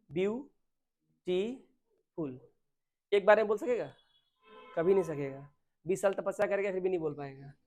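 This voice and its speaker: A man teaching a grammar class, asking his students questions and answering them himself, mixing in English words. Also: sits high. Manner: mixes Hindi with English terms.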